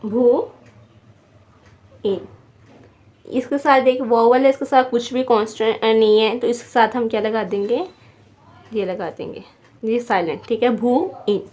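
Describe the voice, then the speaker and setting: A woman teaching a beginner vocabulary lesson, repeating each word slowly and spelling it out syllable by syllable. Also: fairly high pitch, steady tone, a little mellow. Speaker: language teacher.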